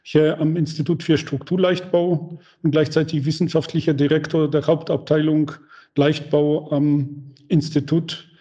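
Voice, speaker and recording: A man's voice: on the high side, level tone, measured pace, mellow, muffled recording. A middle-aged man, a professor and institute director, speaking as a guest over a remote line, hesitant with many filler sounds. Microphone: remote connection.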